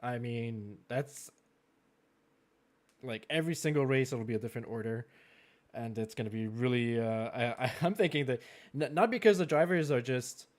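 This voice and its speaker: French Canadian male host, mid-pitched, chatty, laughs often, loose filler-heavy draft commentary. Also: normal speed, a little mellow. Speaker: host of a racing league draft. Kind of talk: live-streamed draft commentary.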